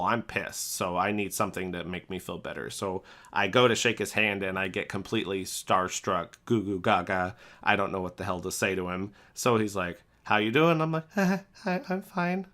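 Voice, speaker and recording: Young guy podcasting, storytelling w big jumpy quote voices, lowish but bright and punchy. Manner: animated storyteller, acts out quotes with big pitch jumps. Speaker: podcast co-host. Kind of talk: casual storytelling chat.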